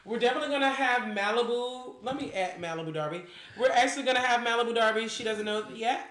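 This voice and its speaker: A woman's voice: on the high side, fast, fairly bright tone, echoey room, slight background noise. A woman co-hosting a podcast in loose casual chat, drifting from one thought to the next. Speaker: podcast co-host.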